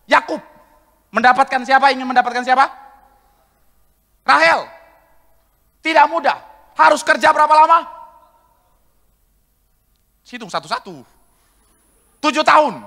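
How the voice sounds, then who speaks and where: A man preaching a lively, joking sermon to his congregation, acting out husbands and wives in comic asides. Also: very high voice, a little slow, vocal fry, long pauses. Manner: joking, acts out couples' voices, addresses congregation as saudara. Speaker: pastor. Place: large church hall, live service. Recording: live church recording with long hall reverb.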